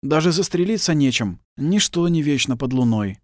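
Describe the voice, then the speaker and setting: A man's voice: fairly high pitch, lively intonation, moderate pace, no room sound, clean studio sound, pitched above the performer's own voice, close to an everyday voice. A man voicing a wounded young soldier who talks weakly and groans. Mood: groaning. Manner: weak, groaning. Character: wounded young male soldier, wry and weary. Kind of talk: audiobook character voice.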